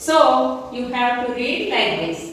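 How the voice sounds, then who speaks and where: Woman teacher, high voice, slow call-and-response pronunciation drill, echoey classroom heard from afar. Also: very animated, fairly bright tone. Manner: slow, clear, repeats words for pupils to echo. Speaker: primary school teacher. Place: school classroom. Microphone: distant camera mic. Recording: echoey classroom from far off, faint noise. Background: children repeating in a classroom.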